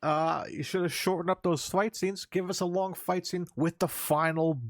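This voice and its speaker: A man's voice: high-pitched, fairly even intonation, normal speed, dry recording. Man, podcast co-host, casual rambling chat, fillers, dry close sound. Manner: rambling, lots of "like" and "you know".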